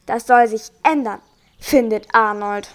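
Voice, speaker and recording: A woman narrating a children's story in a calm, measured way. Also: a little high.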